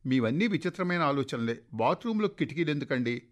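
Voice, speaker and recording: A man's voice: on the high side, lively intonation, fairly quick, voice pushed up, lightly acted. A man putting on a fussing young wife. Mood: fond coaxing. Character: young wife, caring and coaxing. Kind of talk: radio story reading.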